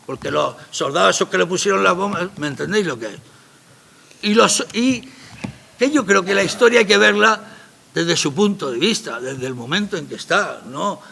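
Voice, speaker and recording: Man, high voice, rambling, colloquial, radio interview. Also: expressive, moderate pace, vocal fry, bright, forceful tone, a little hiss or hum. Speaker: playwright presenting his play.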